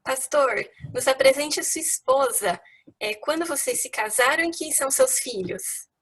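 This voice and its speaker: A woman's voice: high-pitched, moderate pace, fairly bright tone. A woman interviewer asking polite, formal questions.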